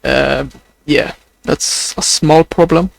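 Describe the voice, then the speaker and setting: This video journal creator is a young man with a Swedish accent whose slightly high, steady voice carries vocal fry. He talks off the cuff, slowly and haltingly with many fillers, in a way listeners describe as near crying; the recording is dry and low quality.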